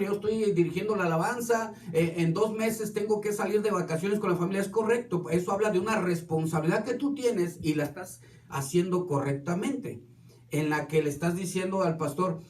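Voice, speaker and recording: High-voiced pastor preaching in an echoey hall. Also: male voice, moderate pace, a little mellow. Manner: storytelling with quoted dialogue. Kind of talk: sermon. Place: church hall. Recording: echoey hall, distant mic.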